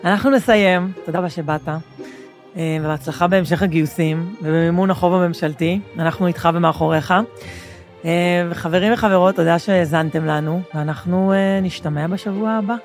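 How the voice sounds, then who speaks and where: Sex: woman. Role: podcast host. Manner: chatty and casual. Pitch: mid. Behind: faint music. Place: studio. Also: steady tone, darkish tone. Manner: chatty, finishes the guest's sentences. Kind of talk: casual interview chat.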